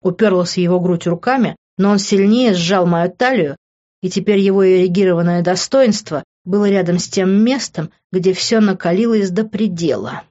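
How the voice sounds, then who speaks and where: A woman's voice: lowish voice, normal speed, lo-fi sound. Woman narrating a first-person novel. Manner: expressive, shifts into character voices. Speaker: audiobook narrator.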